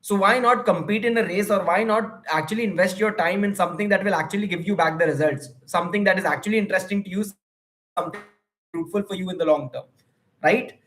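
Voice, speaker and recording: A young Indian man with an Indian English accent, a YouTuber and counselor, answers viewer questions on a livestream, offering earnest advice with many fillers and restarts. He talks fast in a high-pitched, fairly bright voice.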